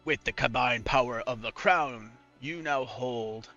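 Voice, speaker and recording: A man voicing an evil, gloating dark elf king from a video game, with slow theatrical menace. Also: medium pitch, highs cut off, soft background music. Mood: imperious threat.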